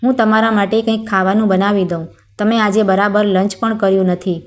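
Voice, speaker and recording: Woman reading as a kind older widowed housekeeper, soft and reassuring, medium pitch, storybook tale. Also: steady tone, a little fast, close to an everyday voice. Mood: caring.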